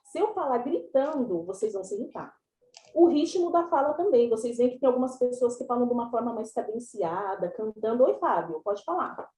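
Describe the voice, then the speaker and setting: A woman's voice: on the high side, a little fast, roomy sound, low-quality recording. Chatty São woman presenting. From São Paulo, Brazil. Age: 30s. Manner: chatty, animated, explanatory. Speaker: class presenter. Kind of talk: online class presentation. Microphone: video call.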